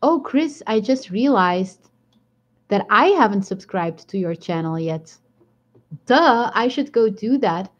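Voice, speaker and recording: On a live stream with dull, lo-fi audio, a woman with a strong Belgian accent chats casually at a slow pace. Her medium-pitched voice is animated, and she rambles and laughs often while answering viewer comments.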